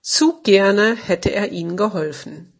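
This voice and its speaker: A woman narrating a children's story in a gentle, measured storybook reading. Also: medium pitch, breathy edge.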